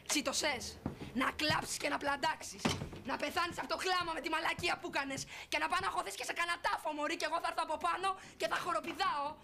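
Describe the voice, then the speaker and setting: A woman's voice: high voice, noisy background. A venomous foul-mouthed young woman. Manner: insulting, venomous, crude. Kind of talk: film drama acting.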